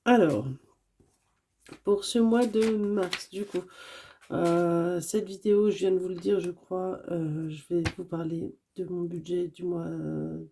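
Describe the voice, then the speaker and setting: A woman who is sick with a hoarse voice, chatting casually to camera as a budget vlogger, hesitant and often correcting herself. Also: on the low side, fairly even intonation, slow, mellow, a little hiss or hum. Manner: hesitant, many fillers and self-corrections.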